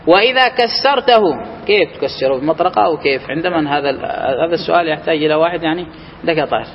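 A man's voice: a little high, very fast, creaky. A man teaching a grammar class to students in person, explaining step by step and testing them with questions as he goes. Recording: reverberant room, muffled, faint hiss.

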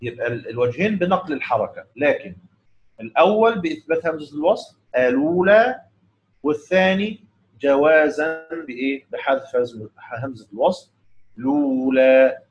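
A man with an Egyptian accent teaching the rules of Quran recitation. He explains in casual speech and slowly chants each verse to show the reading. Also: a little high, animated. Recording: dull lo-fi recording.

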